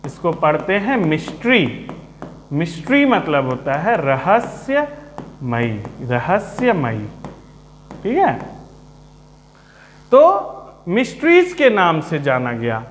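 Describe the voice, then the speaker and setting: A man teaching a literature class, speaking slowly and calmly, repeating and spelling out words for his students. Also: fairly high pitch, a little hiss or hum. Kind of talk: Hindi-English literature lesson. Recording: echoey room.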